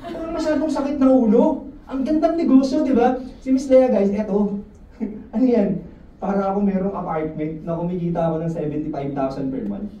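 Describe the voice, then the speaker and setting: A man giving a lively, joking motivational talk to his insurance sales team, often asking the room questions. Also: high voice, fairly quick, lo-fi sound. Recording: echoey room, mic at a distance, faint noise.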